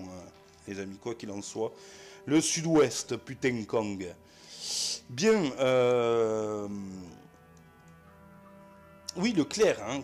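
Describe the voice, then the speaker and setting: A man with a southwest French accent, narrating a solo board game in a chatty way, full of fillers. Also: medium pitch. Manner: chatty, many fillers, addresses viewers as friends.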